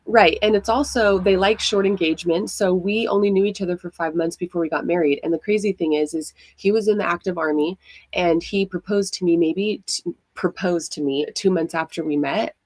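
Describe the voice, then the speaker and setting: Speaking fairly quickly in a lowish, slightly mellow voice, a Hawaiian woman shares her personal story frankly as a podcast guest, full of fillers and conversational ease. The audio is poor, with no room sound.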